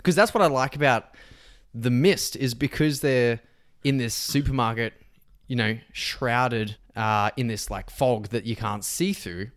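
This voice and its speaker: A man's voice: mid-range voice, unhurried. Laughing, swearing man chatting films. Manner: swears, laughs often, animated retellings. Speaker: podcast co-host. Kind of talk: casual film chat.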